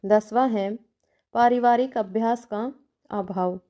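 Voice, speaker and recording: Mellow-voiced woman lecturing point by point. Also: mid-range voice, fairly even intonation, slow pace. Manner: methodical, enumerating numbered points with examples; checks in with "theek hai" between points. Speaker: teacher educator.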